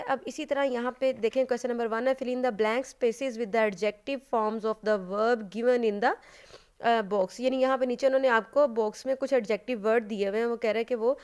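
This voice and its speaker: A woman teacher talks through a recorded online lesson in a clear, smooth voice that sits a little high. She explains patiently, step by step, often pausing to check that her class is following, and mixes English terms into her explanations. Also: a little mellow.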